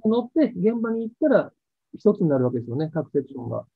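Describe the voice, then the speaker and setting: A man being interviewed about his acting career, telling stories in a lively way and acting out what others said. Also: fairly high pitch, fast talker, gravelly, slightly rough, no echo. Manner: lively storyteller acting out quoted lines. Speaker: actor interviewed about a past role. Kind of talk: animated interview chat. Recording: dry, tinny phone-like sound.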